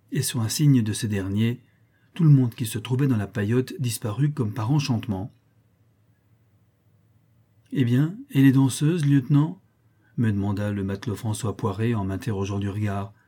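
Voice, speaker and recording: Male audiobook narrator; measured, expressive delivery, dark and husky tone. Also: mid-range voice.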